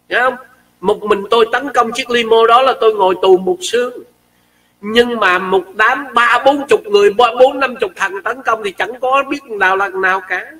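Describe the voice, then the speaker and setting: A man telling a personal story in an animated way, acting out heated quotes. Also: high voice, distant mic, rough recording. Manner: excitable, acts out shouting quotes.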